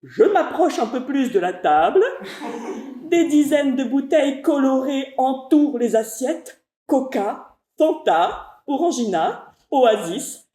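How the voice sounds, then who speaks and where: An actress voices a frazzled young woman of nearly thirty, rushing and breathless, her rhythmic delivery breaking into sudden outbursts. Her voice sits high and bright. A roomy hall echo hangs around every line of this live stage reading. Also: animated. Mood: frantic. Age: 20s. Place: stage at a theatre festival.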